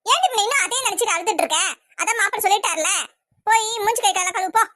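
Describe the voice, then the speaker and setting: Brief: woman playing a stern, commanding mother in a cartoon, high-pitched, dry close sound. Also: rapid-fire, sharp tone, dry recording. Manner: firm, commanding. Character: stern middle-aged mother defending her daughter.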